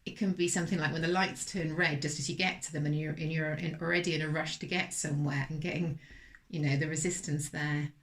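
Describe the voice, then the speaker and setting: A woman teaching mindfulness, giving a gentle, unhurried guided meditation talk with soft fillers. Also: sits low, steady tone.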